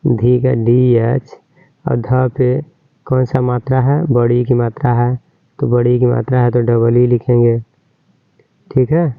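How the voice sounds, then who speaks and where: A man's voice: mid-range voice, flat delivery, unhurried, gravelly, no room sound. A man teaching children to spell names, drawing out each syllable and often checking that they understood. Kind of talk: slow, spelled-out lesson. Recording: tinny phone-like sound.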